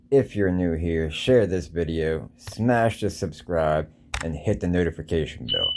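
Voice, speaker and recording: A man's voice: low voice, darkish tone. A man hosting a show with casual, conspiratorial commentary, insistently repeating his points. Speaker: host of a crypto show.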